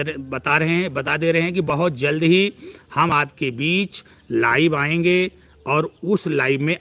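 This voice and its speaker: A male astrologer speaks on a live stream, earnest and preachy. His voice sits a little high for a man. He piles up long runs of words and repeats his advice to press it home. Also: gravelly, bright, forceful tone.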